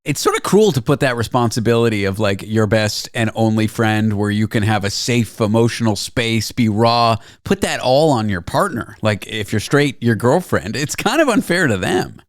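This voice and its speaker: A man's voice: medium pitch, animated, moderate pace, hardly any pauses, no room sound, clean studio sound. A man in his late thirties hosting a radio talk show, chatting casually with wry joking asides. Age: 30s. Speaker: radio host. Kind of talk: casual radio interview chat.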